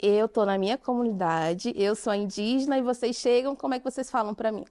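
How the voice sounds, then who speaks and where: A woman with a Brazilian Portuguese accent gives an interactive conference talk, asking the audience questions and pausing for emphasis. Her voice is a little high with a somewhat dark tone.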